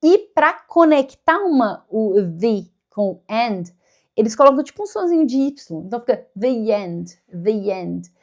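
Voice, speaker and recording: A woman's voice: on the high side, sing-song, moderate pace. A Brazilian woman talking casually to camera about learning English, thinking aloud as she explains step by step. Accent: Brazilian Portuguese.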